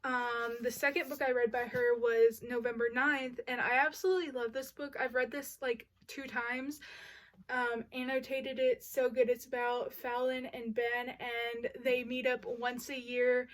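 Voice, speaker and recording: A woman's voice: a little high, level tone, measured pace. A young woman chatting casually about books she loves, gushing and full of "like" and "y'all". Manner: gushing, uses y'all and like often. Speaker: book vlogger. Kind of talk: casual book review chat.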